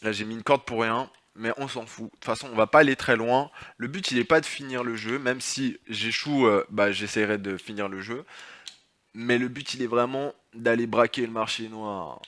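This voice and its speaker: A young man giving casual commentary over his own gameplay, talking straight to viewers, joking, and swearing and shouting at the enemies that attack him. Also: mid-range voice, moderate pace, dry recording. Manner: jokey, talks straight to viewers. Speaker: gaming YouTuber.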